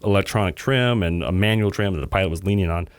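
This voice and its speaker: A man's voice: sits low, quick pace, clear, resonant tone, dry recording. A man co-hosting a podcast, retelling a story casually and raising his voice to quote radio calls. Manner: animated retelling, quoting radio calls in raised voice. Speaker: podcast co-host.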